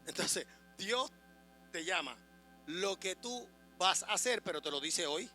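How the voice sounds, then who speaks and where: High-voiced preaching pastor. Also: male voice, lively intonation, a little slow. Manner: swings from loud preaching to quiet asides, asks the congregation questions. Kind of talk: sermon. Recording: music and mains hum behind.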